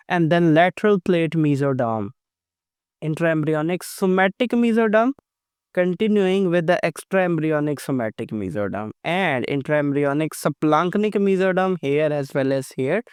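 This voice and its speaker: A man with a fairly high, slightly mellow and smooth voice is captured in studio quality with no echo, recorded as a voice-over for an animated lecture. He's an anatomy lecturer narrating didactically, repeating points and checking understanding, while suffering from flu and a sore throat.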